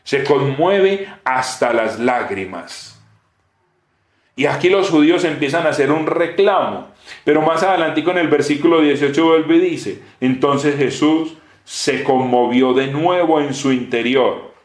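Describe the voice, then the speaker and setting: A man preaching a sermon with emotion, dropping soft and rising loud. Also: fairly high pitch, a little slow. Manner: emotional, swings between soft and raised voice. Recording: roomy echo.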